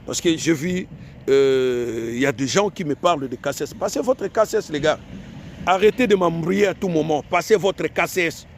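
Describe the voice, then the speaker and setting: A man's voice: fairly high pitch, normal speed, slight background noise. A man from Africa in an emphatic, repetitive monologue to his viewers, full of rhetorical questions. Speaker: online commentator.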